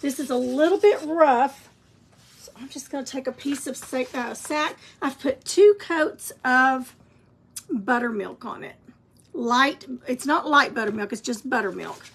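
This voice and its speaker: In a high, gravelly voice with a fairly bright tone and a breathy edge, a woman takes her time teaching a live-streamed craft painting tutorial. Her voice is scratchy and she clears her throat, all while chatting warmly and encouraging viewers.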